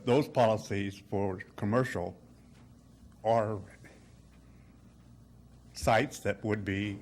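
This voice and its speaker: An older man, short of breath, explains formally and haltingly at a public meeting as a planning official. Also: fairly low pitch, a little hiss or hum. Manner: halting, pausing often mid-sentence. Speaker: planning official advising commissioners.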